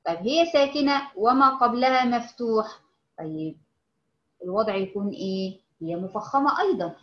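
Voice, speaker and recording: Egyptian woman teaching recitation, high voice, patient and repetitive, lo-fi sound. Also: animated, reverberant. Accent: Egyptian Arabic. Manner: explains patiently, models words slowly and repeats them. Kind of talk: informal online lesson.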